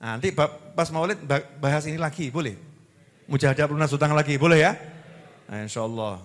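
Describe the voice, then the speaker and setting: A man's voice: on the high side, brisk. A man with a Javanese accent preaching a sermon, acting out little scenes and asking the crowd questions. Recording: long reverb of a hall.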